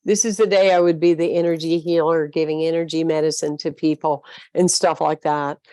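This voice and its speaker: A woman's voice: low-pitched, level tone, fairly quick, warm tone, dry recording. A woman with a Southern American accent giving an earnest, uplifting inspirational talk as a spiritual speaker.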